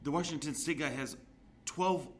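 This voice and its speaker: A man's voice: on the high side, normal speed, a bit bright, slight background noise. A man co-hosting a sports podcast in casual banter, arguing his points with statistics.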